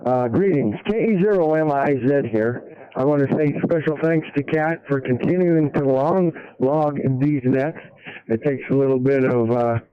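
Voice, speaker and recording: A middle-aged or older American man, an amateur radio operator checking in, chats in an easygoing, folksy way over a ham radio transmission. His voice is mid-range and smooth, and the dry recording comes through a narrow-band radio hotspot.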